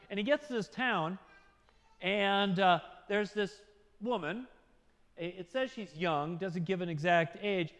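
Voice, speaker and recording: A man's voice: high-pitched, a bit bright, in a large hall. A man giving an informal, storytelling sermon as a pastor, acting out quotes in little voices. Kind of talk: conversational sermon.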